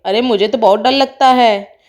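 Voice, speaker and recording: A woman's voice: a little high, moderate pace, a little mellow, voice pushed down, lightly acted. A woman voicing a frightened father who scares easily, in a doll story. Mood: scared.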